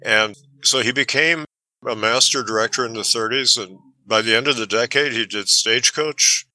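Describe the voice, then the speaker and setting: A man's voice: medium pitch, moderate pace, bright, forceful tone, dry recording. A man being interviewed as a guest expert, talking conversationally through a poor microphone that sounds tinny, like a tin can. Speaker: interview guest, author and film professor. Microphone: poor makeshift microphone.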